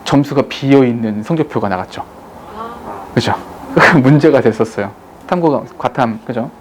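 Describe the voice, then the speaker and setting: A man teaching an English lesson to students in a classroom, talking to them directly in a jokey, animated way. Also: medium pitch, moderate pace, slight background noise. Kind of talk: classroom lecture.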